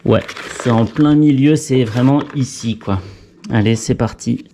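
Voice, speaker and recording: Male vlogger, self-mocking running chatter while working, mellow tone, faint noise floor. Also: medium pitch, a little slow. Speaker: vlogger fitting a helmet intercom. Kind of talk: casual talk to camera while working.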